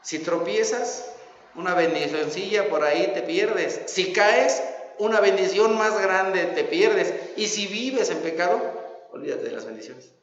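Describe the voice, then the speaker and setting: A man's voice: high voice, unhurried, slight background noise. A man with a Mexican accent preaching a sermon as pastor, emphatic, repeating key phrases and asking rhetorical questions. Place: church hall. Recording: echoey church hall, dull lo-fi sound.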